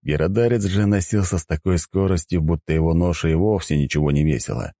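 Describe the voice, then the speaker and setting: A man narrates a first-person audiobook in a low, deep voice. His tone is dark and mellow, and the sound is dry and close, with a steady storytelling read. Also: fast, no echo.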